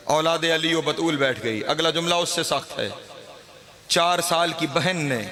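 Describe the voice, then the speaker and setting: Man, Pakistani Urdu accent, high-pitched, lamenting sermon, crowd of mourners behind. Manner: lamenting, rising to wailing cries. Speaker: Shia cleric reciting a majlis.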